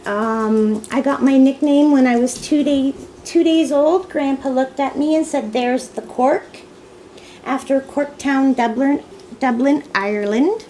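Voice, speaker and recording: A woman in her thirties from Canada talks in a slow, easy way as she answers tag questions on her vlog. Her voice sits high, she sounds a little tired, and faint noise runs underneath. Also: mellow, poor audio. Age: 30s. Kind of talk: casual chat.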